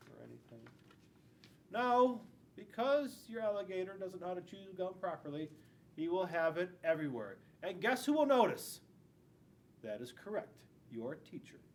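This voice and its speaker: A school resource police officer, an American man in his forties, gives a dramatic reading of a children's picture book in an indoor classroom and quizzes the listening children. A camera several feet away records him, and there's noticeable room noise with a low rumble.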